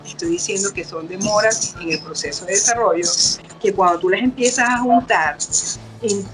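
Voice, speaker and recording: Woman doctor patiently explaining. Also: medium pitch. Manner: patient, explanatory, acts out quoted parents and children. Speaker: doctor, guest expert. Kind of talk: explaining casual interview talk.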